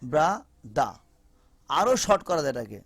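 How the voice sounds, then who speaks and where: Slow-talking man teaching English. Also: on the high side, very animated, vocal fry, a bit bright, husky, no echo. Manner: slow, repeats example phrases over and over. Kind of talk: online phonetics class.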